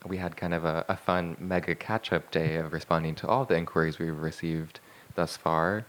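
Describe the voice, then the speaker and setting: A man's voice: deep voice, steady tone, moderate pace, a bit bright. A man co-hosting a podcast in casual chat, rambling and chatty with lots of fillers. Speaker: podcast co-host.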